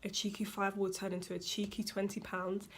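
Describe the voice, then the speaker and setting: A woman's voice: mid-range voice, level tone, fairly quick, slight background noise. A young woman, giving chatty, emphatic money advice to her viewers with casual slang. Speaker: vlogger. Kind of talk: casual advice talk to camera.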